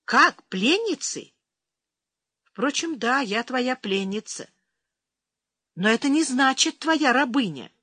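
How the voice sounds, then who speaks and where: A woman's voice: big pitch swings, slow pace, pauses often, husky, no room sound, exaggerated voice. A woman reader voicing a young female captive who pleads and bristles with defiance. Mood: indignant. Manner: pleading, turning to shrill shouting.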